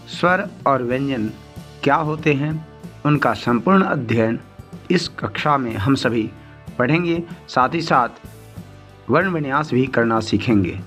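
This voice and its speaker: A man with a voice of ordinary pitch formally welcomes viewers and introduces a lesson. Faint music plays softly underneath. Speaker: channel host.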